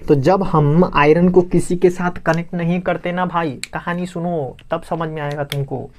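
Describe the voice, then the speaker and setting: A man's voice: a little high, steady tone, moderate pace, a little mellow, slight background noise. A male teacher explaining a science lesson for exam prep in a playful, teasing way, joking with his students.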